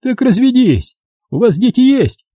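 A man reading an audiobook, voicing a fat, greedy, pompous middle-aged notary with a shrill, squealing manner. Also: big pitch swings, unhurried, mellow, no echo, clean studio sound, full character voice. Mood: patronizing. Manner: condescending and grasping.

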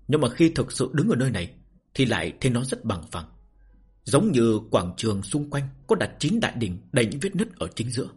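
A man, the channel's host, reading a novel aloud in a calm, measured way. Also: mid-range voice, husky. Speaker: story reader and channel host. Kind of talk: scripted novel narration.

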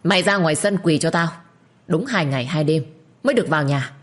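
A woman voicing a domineering, bad-tempered old male patriarch who shouts threats. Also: lowish voice, lively intonation, normal speed. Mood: commanding.

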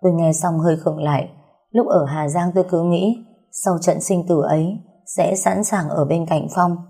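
A woman reads a first-person romance story softly and steadily. Her voice is low and mellow with a husky grain, and faint music runs under the narration. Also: steady tone, normal speed. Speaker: audiobook narrator. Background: faint background music.

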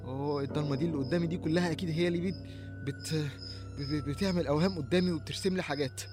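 A man playing a terrified young man lost in the dark. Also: on the high side, racing, lightly acted. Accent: Egyptian Arabic. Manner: panicky, breathless self-talk with stammered restarts. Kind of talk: audio horror drama monologue. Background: faint music and chirping crickets.

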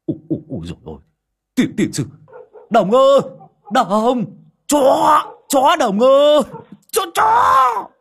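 A man voicing a frightened old village man who wails frantically in a husky voice. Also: wildly swooping pitch, slow, long pauses, fairly bright tone, full character voice. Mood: terrified. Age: older. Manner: frantic high-pitched wailing. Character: panicky old village man, terrified of a dog.

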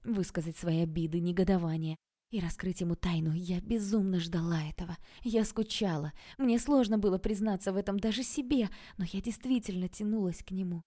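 A woman's voice: fairly low pitch, fairly quick, dark tone. A woman narrating a first-person audiobook expressively, acting out the dialogue.

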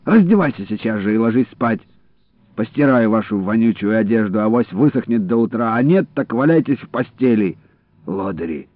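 A man voicing a stern old grandmother who scolds gruffly. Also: lowish voice, animated, normal speed, no echo. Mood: scolding. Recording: dry, phone-like narrow sound.

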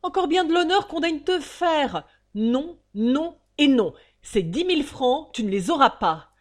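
A woman voicing a greedy, irritable older male banker who rants loudly and scornfully in a storybook reading. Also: on the high side, very animated, a little slow, voice pushed up. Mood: ranting. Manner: loud, ranting and scornful.

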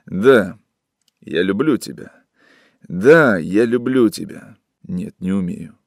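A man voicing a drunk, desperate young man who pleads in a hushed, trembling voice through tears. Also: low-pitched, lively intonation, slow, creaky, no echo, studio quality, full character voice. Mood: pleading, despairing.

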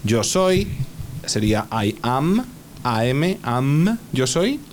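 Male radio English teacher, mid-pitched, patient, spells things out. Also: big pitch swings, slow, a little hiss or hum. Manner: patient, spells words letter by letter, frequent "ok?". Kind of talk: radio language lesson.

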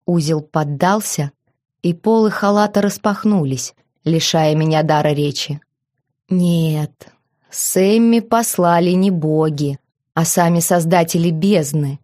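A woman reading a romance novel aloud in an even, intimate first-person storytelling manner. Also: lowish voice, slow pace. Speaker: audiobook reader. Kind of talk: scripted romance narration.

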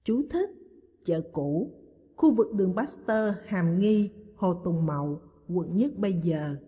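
A woman's voice: on the low side, slow pace. Woman reading a story, long echo. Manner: calm, steady narration. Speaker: narrator.

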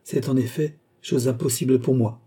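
A man reading a cold, composed count who calmly demands repayment, keeping a polite but unyielding manner. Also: mid-range voice, moderate pace, slightly rough, natural voice. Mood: cool. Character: icy, composed male count and sorcerer-creditor.

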